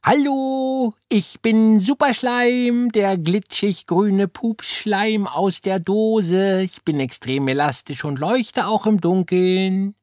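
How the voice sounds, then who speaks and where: A man voicing a clingy, babyish green slime creature with a squeaky, quacking voice in an audiobook. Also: takes it slowly, hardly any pauses, a little mellow, no room sound, studio quality. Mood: cheerful.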